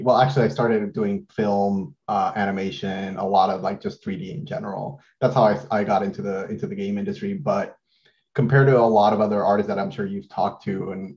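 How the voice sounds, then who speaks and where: Over a video call, a guest artist from Mexico, a man in his thirties, talks casually in a lowish voice, the audio's highs cut off. His relaxed, halting speech is packed with fillers and restarts.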